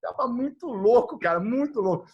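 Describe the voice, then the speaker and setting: A Brazilian man hosting a podcast, telling an anecdote in a casual, animated way, laughing and acting out what people said. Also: extremely high pitch, normal speed, highs cut off. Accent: Brazilian Portuguese. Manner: animated, laughing, acts out quotes. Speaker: podcast host. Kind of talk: casual storytelling chat.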